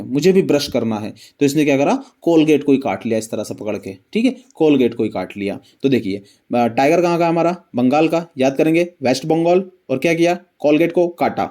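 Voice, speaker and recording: A man's voice: fairly high pitch, dark tone. A man teaching a geography lesson through memory-trick stories. He keeps asking his viewers questions and then answers them himself. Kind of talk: animated mnemonic geography lesson.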